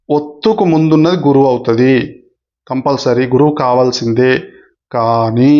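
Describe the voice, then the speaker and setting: A man's voice: on the high side, highs cut off. A man teaching a grammar lesson for exam candidates, who explains patiently, repeats the key points and addresses his viewers politely.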